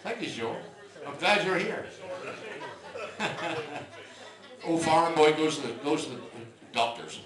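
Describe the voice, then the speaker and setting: A man's voice: a little high, expressive, slow pace, pauses often. An older man doing stand-up, telling dry one-liners with rambling asides. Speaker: stand-up comedian. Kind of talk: live stand-up jokes. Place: live comedy venue. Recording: echoey club, mic at a distance, loud crowd. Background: audience laughter.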